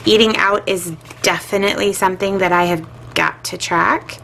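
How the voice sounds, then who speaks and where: A middle-aged woman talks casually to her viewers as she works through her budget at a home desk. Her voice sits at an ordinary middle pitch, and she muses aloud with lots of um's. A faint hiss of room noise sits behind her. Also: fairly even intonation, normal speed, vocal fry, fairly bright tone, rough recording. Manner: chatty, musing aloud with filler words. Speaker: budgeting vlogger. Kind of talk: casual chat while budgeting.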